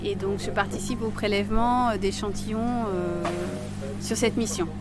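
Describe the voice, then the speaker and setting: A woman scientist explaining her sampling work aboard a ship, hesitant and full of fillers, in a wet lab with loud pumps running. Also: mid-range voice, fairly even intonation, moderate pace, over loud music. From Portugal and United States. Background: loud water pumps.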